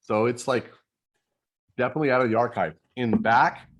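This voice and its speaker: A man in his sixties, a guest telling technical stories from his long career in a relaxed way over a video call. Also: medium pitch, brisk, lo-fi sound. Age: 60s. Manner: relaxed storyteller, technical and anecdotal. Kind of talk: casual chat.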